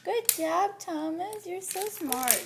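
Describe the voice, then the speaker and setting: A woman's voice: very high voice, expressive, slow, vocal fry. A young woman reading and counting with her toddler, using simple repeated phrases and encouragement, switching between English and Portuguese. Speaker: mother teaching her toddler. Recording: noisy home recording with clicks.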